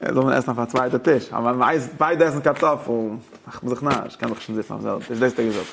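Ein Mann hält einen lebhaften Lehrvortrag über religiöses Recht, mischt Deutsch, Englisch und Jiddisch und stellt seinen Zuhörern Fragen. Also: male voice, medium pitch, racing, creaky, a crowd in the background. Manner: mixes German, English and Yiddish with rabbinic terms; poses questions to listeners. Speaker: teacher of religious law. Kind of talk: lively study-hall lecture.

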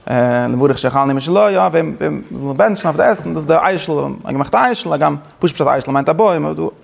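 A man teaching a Torah class, talking fast with many restarts and mixing in Hebrew and English phrases. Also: a little high, animated, gravelly. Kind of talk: Talmud-style lecture.

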